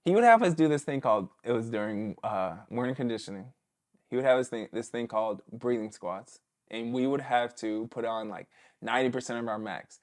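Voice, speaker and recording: Speaking fairly quickly in a mid-range voice, a man in his thirties recounts stories from his days as a pro football player in a relaxed interview. Every so often he mimics the way his coach used to yell.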